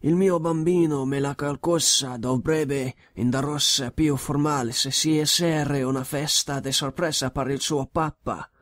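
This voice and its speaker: An actor playing a confused, childlike elderly pope, speaking halting broken English in an audio drama. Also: male voice, fairly high pitch, fairly even intonation, dry recording, studio quality, natural voice. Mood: dotty. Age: older.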